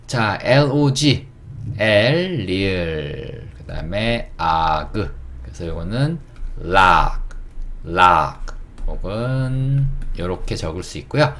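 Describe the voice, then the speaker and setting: Guy doing a slow beginner english phonics lesson, lowish voice that bounces around a lot, keeps checking you're with him. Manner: patient, repeats each word slowly with many checks. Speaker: English teacher.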